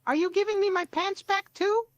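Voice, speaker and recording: A woman's voice: very high-pitched, normal speed, no room sound, highs cut off. A woman's synthetic voice playing an exasperated, put-upon young man who complains as he grudgingly goes along with the demands. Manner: whiny, complaining, grudgingly obeys. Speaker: AI role-play partner.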